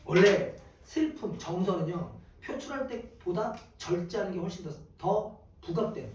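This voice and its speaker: Male lecturer, high voice, asks and answers his own questions, heard from a distance in a reverberant room. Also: normal speed, slight background noise. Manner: questions then answers himself, lively. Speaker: Korean exam prep teacher. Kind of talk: classroom lecture. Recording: echoey room from a distant mic.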